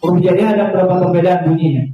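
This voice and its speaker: A man's voice: high-pitched, very fast, lo-fi sound. A man teaching adults to recite the Quran, patiently asking the class questions and modeling the Arabic sounds for them to repeat. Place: large echoey hall. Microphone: far from the mic. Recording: very echoey, distant hall recording.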